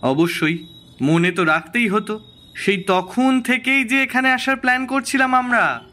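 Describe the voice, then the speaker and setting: A man's voice: very high-pitched, a little slow, bright, forceful tone, exaggerated voice. An actor playing an eager, jokey young man teasing his friend in an audio drama.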